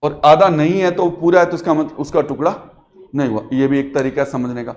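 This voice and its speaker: A man's voice: a little high, fairly even intonation, a little fast, a little mellow, lo-fi sound. A male teacher giving a classroom grammar lesson, patiently explaining and asking students questions that he then answers himself.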